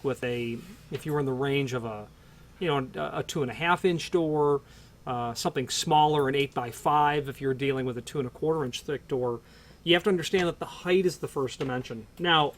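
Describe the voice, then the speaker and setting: A man's voice: a little high, slight background noise. A man explaining door hardware off the cuff, talking in loose, restarting sentences full of fillers. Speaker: hardware product presenter. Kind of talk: unscripted product explanation.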